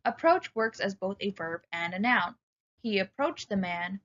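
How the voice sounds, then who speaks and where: Female writing instructor, clear and instructive, slightly dull lo-fi recording. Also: mid-range voice, animated, unhurried, fairly bright tone. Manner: clear, instructive, addresses students directly. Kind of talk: recorded lecture.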